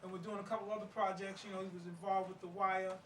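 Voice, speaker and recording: Fast and flat, this middle-aged man's high, fairly bright voice comes through slight background noise as he speaks informally and emphatically, plain-spoken and street-wise. A playwright and martial arts master, he's in an informal interview and presentation at an indoor play-reading gathering. The distant mic captures a roomy space with people around.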